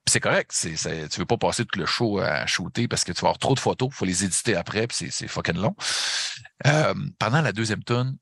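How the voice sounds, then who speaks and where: Québécois man, middle-aged, husky and lively, dry close sound, slangy storyteller. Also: on the low side, no echo. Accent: Québécois French. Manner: animated, slangy, peppered with English and swearing. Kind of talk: casual storytelling chat.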